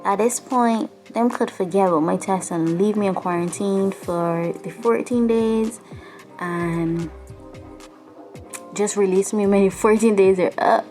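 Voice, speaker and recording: A woman's voice: mid-range voice, a little slow, a little mellow, faint music behind. A young woman with a Barbadian accent, recording a personal video diary from a quarantine room and sounding weary, downcast and frustrated, with sighs. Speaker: vlogger. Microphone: self-filmed camera up close.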